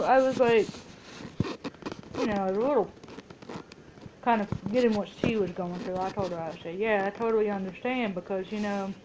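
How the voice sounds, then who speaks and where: A woman's voice: medium pitch, a little hiss or hum, low-quality recording. A woman in a casual, rambling phone chat, telling stories and quoting herself and other people as she goes. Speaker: vlogger making a phone call.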